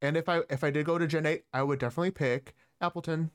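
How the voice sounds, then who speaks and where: Smooth-voiced laid-back male host. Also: fairly high pitch, fairly even intonation, fast talker. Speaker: podcast host. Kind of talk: casual chat.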